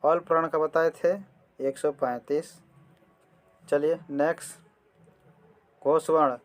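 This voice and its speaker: Slow, measured Hindi grammar teacher, man. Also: on the high side, steady tone. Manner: slow, repeats definitions and spells out examples. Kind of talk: exam-prep grammar lesson.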